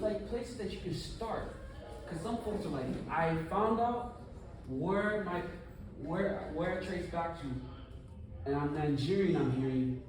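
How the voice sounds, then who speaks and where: Male speaker, conference talk, lively and chatty, fairly high voice, heard from a distance in a reverberant hall. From United States. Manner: animated, conversational, rhetorical questions. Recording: echoey room, from far off.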